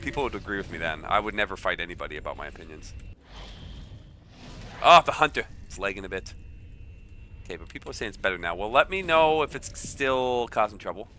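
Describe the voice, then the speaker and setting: Male streamer, nasal and a little congested, joking casual chat, bright tone. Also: on the low side, sing-song, brisk, pauses often, a little hiss or hum. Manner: chatty, joking, reacting aloud. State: a bit stuffy with a cold. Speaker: game streamer.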